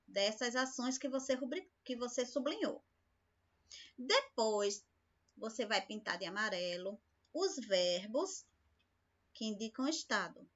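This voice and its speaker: A woman's voice: on the high side, a bit bright, highs cut off. A woman teacher giving a recorded remote lesson, patient and speaking to the class with many questions. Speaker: school teacher.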